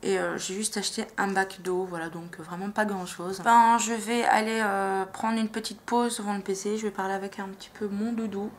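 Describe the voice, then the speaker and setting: This woman's casual vlog chat about her makeup purchases is brisk, with hardly any pauses, even though she hesitates and uses many fillers. She sounds enthusiastic, with a medium pitch and fairly even intonation.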